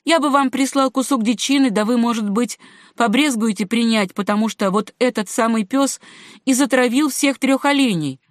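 Storybook role: woman playing a chatty, folksy young farmer, fairly high voice. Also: normal speed, no room sound, clean studio sound, lightly acted. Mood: coaxing. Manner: talkative, apologetic, folksy. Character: good-natured young male farmer and hunter, chatty. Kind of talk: audiobook reading.

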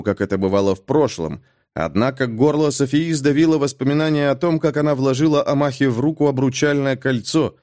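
A man reading a thriller novel aloud as an audiobook narrator, with expressive, dramatic delivery. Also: mid-range voice. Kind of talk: scripted narration.

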